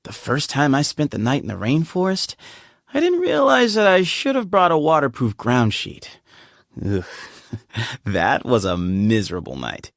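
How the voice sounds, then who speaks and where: A gravelly, mid-range male voice, very animated, voices an easygoing young man who leads a desert temple in a set of game character lines. The actor sounds playful, friendly, and quick to laugh; it's recorded on a studio mic in a dry booth with no room sound.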